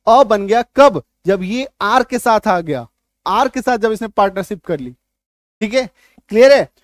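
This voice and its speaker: A man's voice: high voice, animated, no echo. Man teaching English spelling. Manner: repeats key words, asks the viewer quick questions. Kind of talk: spelling and pronunciation lesson.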